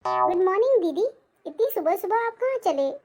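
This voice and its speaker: An actress playing a lazy, sly young sister-in-law who sweet-talks and makes excuses, in a family drama. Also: female voice, very high voice, sing-song, moderate pace, creaky, a little mellow, exaggerated voice. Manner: sweet-talking, making excuses. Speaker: actor.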